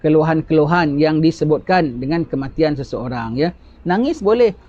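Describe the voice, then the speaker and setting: A man's voice: fairly high pitch, expressive, moderate pace, darkish tone. A man giving a religious lecture who explains patiently, repeats key phrases and asks rhetorical questions. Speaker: religious teacher. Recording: dull lo-fi recording.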